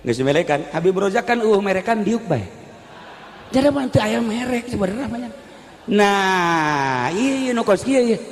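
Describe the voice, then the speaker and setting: A man's voice: high voice, big pitch swings, moderate pace, in a large hall, slight background noise. A man with a Sundanese accent preaching a storytelling sermon. He joks and acts out the voices of the people in his story.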